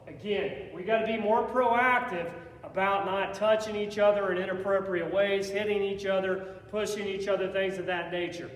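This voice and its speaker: A man's voice: high voice, recorded from a distance. A man making an upbeat school announcement to students, giving instructions and going over rules. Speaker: school staff member addressing students. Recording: echoey hall, speaker away from the mic.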